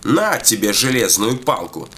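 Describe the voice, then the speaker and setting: A man's voice: fairly low pitch, big pitch swings, a little slow, a bit bright, a little hiss or hum, voice pushed up. A man voicing a shaggy, hungry female forest spirit who gives commands in a coaxing tone. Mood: commanding.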